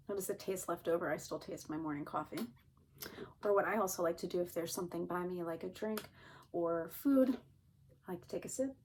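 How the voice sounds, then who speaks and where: A woman therapist calmly and gently guiding listeners through a grounding exercise. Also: fairly low pitch, a little hiss or hum. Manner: calm, gently instructing. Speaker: therapist teaching a technique. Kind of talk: calm guided grounding exercise.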